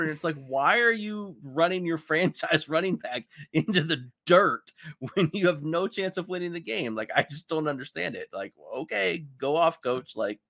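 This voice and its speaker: A man's voice: on the high side, pushed and bright, dry recording, clean studio sound. A man co-hosting a casual sports podcast, rambling and ranting with heavy use of "like". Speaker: podcast co-host.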